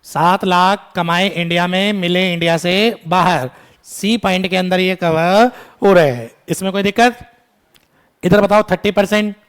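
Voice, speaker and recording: A man with a fairly high voice teaches a tax class. He fires questions at his students, answers them himself, and slips in affectionate, scolding asides. His English terms carry an Indian accent. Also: fairly bright tone, clean tone. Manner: quizzing students, calling them "beta", brisk scolding asides. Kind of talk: classroom lecture.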